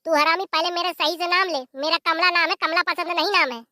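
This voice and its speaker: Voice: extremely high pitch, little pitch movement, fast talker, pushed and bright, no echo, clean studio sound, heavily acted. A performer voicing a stubborn young village wife in a cartoon, sulky and sarcastic.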